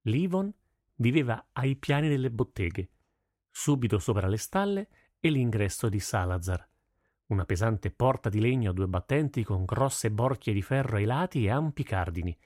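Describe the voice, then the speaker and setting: A man narrating a story with steady, measured delivery. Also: medium pitch, dry recording, clean studio sound. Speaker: audiobook narrator. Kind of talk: scripted narration.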